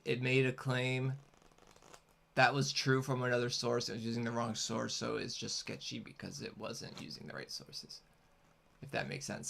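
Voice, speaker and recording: A man's voice: mid-range voice, creaky, fairly bright tone. A man chatting casually and unscripted as a host, rambling and hesitant as he explains things. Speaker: host, content creator.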